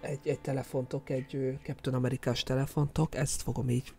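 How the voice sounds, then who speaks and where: A young man doing a mock ASMR host in a soft, hushed, mock-soothing voice, as a whispered role-play. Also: medium pitch, level tone, vocal fry, voice pushed down, lightly acted.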